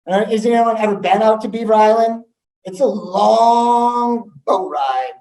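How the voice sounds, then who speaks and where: Speaking as an assistant principal, a man gives students a candid talk full of ums. His voice is high and darkish, his pace unhurried, and he sounds distant in an echoey room.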